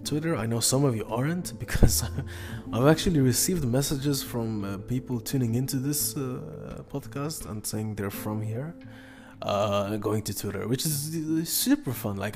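Man, halting hesitant delivery, gravelly fry, casual podcast host, frequent stops and repeats, faint music behind. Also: medium pitch, darkish tone. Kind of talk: casual solo sports betting preview.

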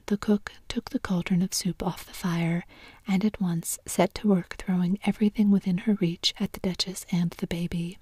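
A woman reading a storybook aloud in a soft, slow, even whisper. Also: lowish voice, husky, no echo.

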